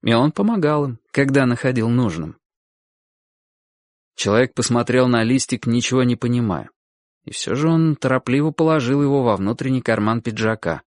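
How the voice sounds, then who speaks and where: Expressive male audiobook narrator, dry sound. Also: medium pitch, moderate pace, no echo. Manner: expressive storytelling, acts out quoted shouts. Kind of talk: scripted literary narration.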